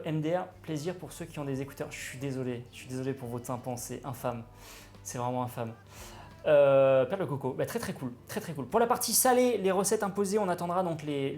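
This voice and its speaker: A man chatting excitedly with viewers while he cooks live, greeting and thanking them as he goes. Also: on the high side. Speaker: cooking streamer. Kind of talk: live-streamed cooking chat.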